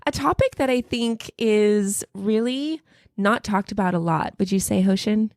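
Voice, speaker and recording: A woman's voice: mid-range voice, measured pace, darkish tone, no room sound, studio quality. A woman from the United States hosting a casual podcast, chatty and upbeat, often affirming her co-host. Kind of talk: casual conversational podcast chat.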